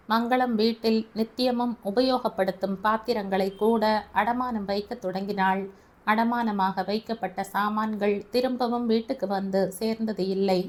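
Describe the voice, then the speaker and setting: A woman narrating a family audio novel in a steady storytelling manner. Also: medium pitch.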